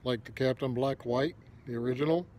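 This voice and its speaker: A man's voice: mid-range voice, fairly quick, a little mellow. Older man talking around a pipe. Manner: easygoing, rambling, advice-giving. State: pipe in mouth. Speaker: pipe smoking video host. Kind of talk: casual unedited monologue to camera.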